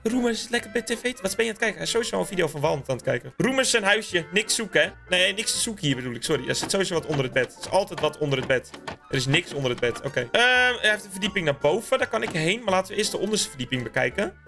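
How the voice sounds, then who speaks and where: A man giving excitable, chatty let's-play commentary on a block-building game and talking straight to his viewers. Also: high-pitched, very fast, gravelly, soft background music. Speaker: gaming YouTuber.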